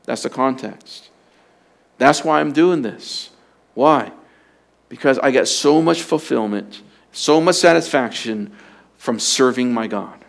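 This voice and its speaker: A man preaching a sermon to a men's group, earnest and exhorting, often repeating himself, closing in a slow prayer. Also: medium pitch, vocal fry. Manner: prays slowly and softly to close. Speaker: preacher at a men's Bible study.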